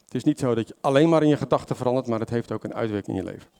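A man's voice: mid-range voice, very fast, gravelly, mellow, clean tone. A man preaching an informal sermon, conversational, with many fillers and self-corrections and questions to the congregation. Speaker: lay preacher.

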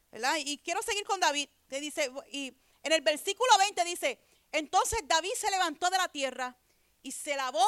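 With a high-pitched, sharp voice, a woman delivers a conversational sermon, reading scripture aloud and then explaining it while repeatedly asking her listeners "¿verdad?". The recording is studio quality with no room sound.

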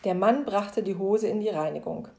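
A woman reading a playful children's story aloud, switching into lively voices for the quoted characters. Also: medium pitch, normal speed, creaky. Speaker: narrator.

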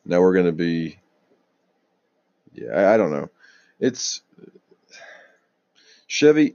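A young man casually rambling on his own show, restarting sentences, swearing now and then and clearing his throat a lot, sounding tired. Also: sits low, a little mellow, no echo, lo-fi sound. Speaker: auto news vlogger.

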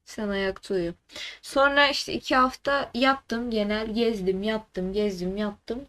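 A young woman co-hosting a casual chat, telling stories in an animated, exasperated way and swearing often. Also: medium pitch, unhurried. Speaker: podcast co-host.

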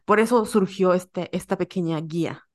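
A woman's voice: on the low side, moderate pace. A woman with a Yucatecan Spanish accent co-hosting a podcast, chatting in a playful, giggly, self-mocking way. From Yucatán, Mexico. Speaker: podcast co-host. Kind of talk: casual chat.

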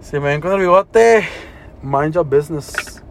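A man's voice: fairly high pitch, lively intonation, measured pace, vocal fry. A young man hosting a podcast, talking in a rambling, emotional, slangy way. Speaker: podcast host. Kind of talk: casual podcast chat.

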